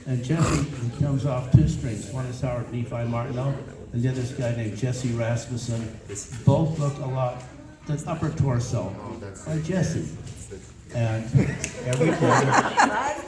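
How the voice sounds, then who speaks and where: A man's voice: medium pitch, measured pace. An older American man with a grandfatherly, rambling way of talking tells family history informally, circling back and repeating phrases. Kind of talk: informal oral family storytelling. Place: echoey room, recorded from a distance. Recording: roomy, noisy, distant microphone, clicks.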